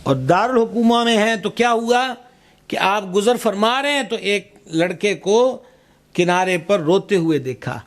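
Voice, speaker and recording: A man preaches with fervor, switching into the voices of the people in his story. His voice sits high. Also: lively intonation. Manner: impassioned, acts out voices in the story. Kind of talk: sermon.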